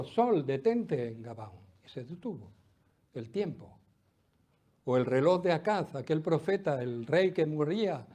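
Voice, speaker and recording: A middle-aged man preaches. His voice sits a bit high and moves a lot. He booms out praise, then sinks to a near-whisper for emphasis. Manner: lively preaching with sudden drops to near-whisper. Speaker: pastor. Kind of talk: sermon.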